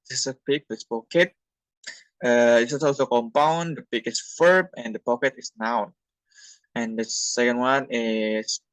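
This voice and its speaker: A young Indonesian university student gives a class talk from slides, explaining things plainly and haltingly. His voice is medium-pitched and a bit bright, on a dry, poor-quality recording.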